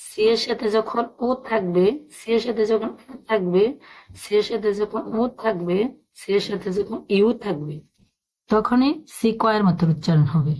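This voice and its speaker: A woman's voice: mid-range voice, a little mellow. A woman teaching a spoken lesson, patiently spelling out words letter by letter.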